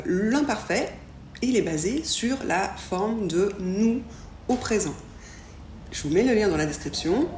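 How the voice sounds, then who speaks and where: Woman teaching french, slow and careful, spells out every sound, echoey room. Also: mid-range voice, a little mellow. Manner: slow, clearly articulated model pronunciations. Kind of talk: language lesson. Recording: echoey room with faint background hiss.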